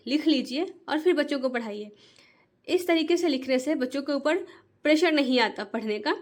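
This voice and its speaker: A woman teacher with a voice that sits high explains to parents how to teach children to read in a slow, patient Hindi reading lesson. She splits words into syllables and repeats each one slowly and patiently.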